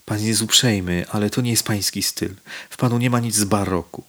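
A man voicing an effusive young society woman who showers her companion with flattery, in a spoken audiobook. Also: on the low side, a little fast. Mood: gushing.

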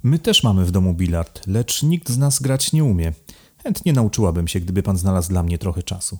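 A man's voice: low-pitched, animated, fairly quick, mellow, husky. A male narrator voicing a frank young woman who talks coolly and bluntly in an audiobook. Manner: cool and blunt. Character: cool, frank young woman, a landowner's daughter.

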